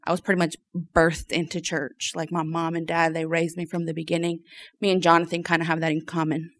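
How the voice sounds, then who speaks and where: A church member from Louisiana, United States, gives a group an informal personal testimony, hesitating and often searching for words. Her voice is low and monotone, and she talks fairly quickly.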